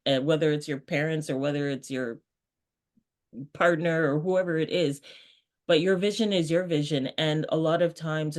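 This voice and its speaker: Animated woman chatting as interview guest. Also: low voice. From Canada. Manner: animated, laughs often, acts out quoted voices. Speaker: guest, brand strategist. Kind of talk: casual interview chat.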